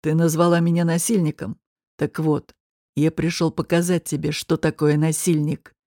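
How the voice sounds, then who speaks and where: A woman reading an audiobook voices a domineering, menacing man who talks in a low, slow, mocking, threatening way. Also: little pitch movement, dark tone, dry recording, clean studio sound, lightly acted.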